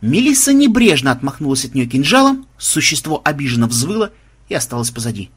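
A man reading a story aloud in a lively, expressive manner. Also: fairly high pitch, brisk, breathy edge. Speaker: audiobook reader. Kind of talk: scripted story narration.

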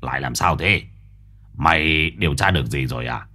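A man voicing a rough, short-tempered middle-aged exorcist who curses and scolds bluntly. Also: a bass voice, normal speed, bright, forceful tone, pitched below the performer's own voice, exaggerated voice. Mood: impatient.

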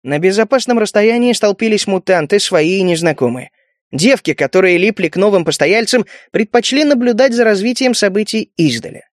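Guy reading an audiobook, steady storytelling, high-ish voice, super dry booth sound. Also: a little fast, no echo. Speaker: audiobook narrator. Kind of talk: scripted narration.

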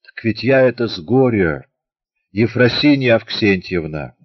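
A man's voice: fairly low pitch, lively intonation, measured pace, no room sound. Drunk pleading young man, read by a man, breathless, muffled sound.

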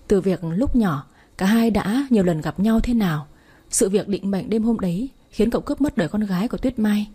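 A woman narrating a romance story in a calm, even storytelling manner. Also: mid-range voice, husky.

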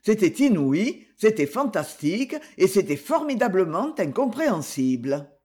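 Husky man narrating expressively. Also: sits high, a little slow. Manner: expressive storytelling. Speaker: audiobook narrator. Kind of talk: scripted narration.

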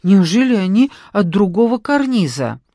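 A woman's voice: medium pitch, sing-song, normal speed, warm tone, no room sound, clean studio sound. A woman reading an audiobook, voicing a flustered, apologetic shop worker who speaks in a hesitant, muffled way.

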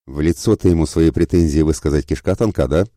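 A man voicing a cheeky young male scribe, the prince's nephew, in an audiobook, sounding mockingly polite with a sharp edge of anger. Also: a bass voice, quick pace, dry recording, clean studio sound. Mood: angry. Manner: mockingly polite, then angry.

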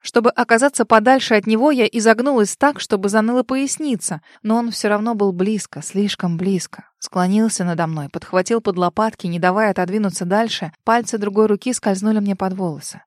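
A woman's voice: mid-range voice, fairly quick, few pauses, no room sound. Woman reading an audiobook, dry and close. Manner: expressive, emotional first-person reading. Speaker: audiobook narrator. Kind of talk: first-person audiobook narration.

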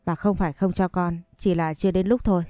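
A woman voices a frail elderly grandmother over 60, weak and frightened. Her lines come low and soft-toned, short of breath in the telling. Faint music sits underneath, and the sound is dry. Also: fairly even intonation, quick pace, dry recording, lightly acted. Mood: stern.

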